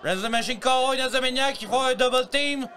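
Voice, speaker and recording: A man giving live wrestling commentary, excitedly shouting out the moves amid a loud event. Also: very high-pitched, fairly quick, a little hiss or hum. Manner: excited, shouting, echoes his partner's calls.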